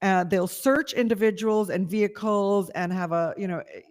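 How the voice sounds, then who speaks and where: A woman's voice: mid-range voice, moderate pace, a little mellow. A woman co-hosting a casual political discussion, talking conversationally with frequent fillers. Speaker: podcast co-host.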